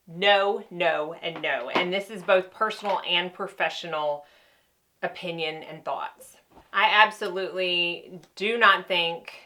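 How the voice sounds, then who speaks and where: A woman's voice: fairly low pitch, bright, forceful tone. A chatty woman, a makeup artist answering viewer questions in casual chat while doing her makeup. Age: 30s. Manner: chatty, conversational, with frequent fillers.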